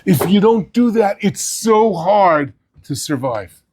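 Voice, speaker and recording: A man's voice: high voice, animated, takes it slowly, a little mellow, husky. A man who heads a yeshiva giving a weekly Torah talk to his students, sprinkling in Hebrew and Yiddish terms, and his voice climbs sharply when he stresses a point.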